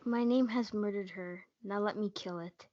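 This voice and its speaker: A woman's voice: medium pitch, normal speed, heavy background noise, lightly acted. Young woman as passionate Romeo, muffled sound. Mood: despairing. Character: Romeo, passionate young man, grieving and hot-blooded. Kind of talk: student readers theatre performance. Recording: muffled lo-fi home recording.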